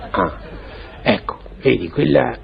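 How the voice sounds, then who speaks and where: A man's voice: medium pitch, animated, slow pace, vocal fry, some chatter behind, exaggerated voice. An actor playing a boastful, muddled traveler who stammers and garbles his words in a radio comedy sketch. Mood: confused bragging. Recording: lo-fi radio broadcast with audience.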